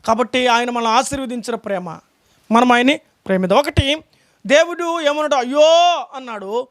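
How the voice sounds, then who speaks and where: Male pastor, very high pitch, emphatic sermon full of repeated questions. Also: brisk, fairly bright tone. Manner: calls out lines for a reader to read aloud.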